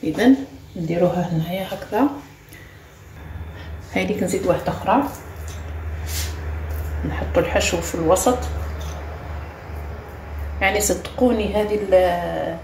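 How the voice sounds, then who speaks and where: A woman's voice: mid-range voice, a little mellow. Give me an Algerian woman talking through a recipe in an echoey room. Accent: Algerian Arabic. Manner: talks step by step while working, repeating short cues. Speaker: cooking channel host. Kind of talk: home cooking tutorial. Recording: echoey room with faint ambient noise.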